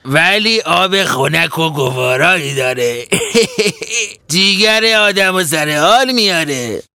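Rude jeering man, bright and sharp, laughs through his lines, as a male narrator puts him on. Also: on the high side, animated, smooth, no echo, full character voice. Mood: puzzled. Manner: mocking, laughing while talking.

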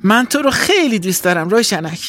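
A man's voice: high voice, sing-song, a bit bright, pitched above the performer's own voice. A man voicing an eager, affectionate little young fish in a children's story. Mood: grateful. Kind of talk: storybook character voice.

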